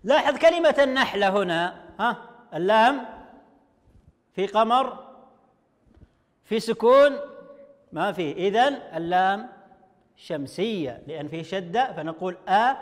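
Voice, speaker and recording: High-voiced male teacher sounding out syllables. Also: animated, big-room sound. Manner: slow, drawn-out syllable-by-syllable explaining. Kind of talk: online Arabic lesson for first graders.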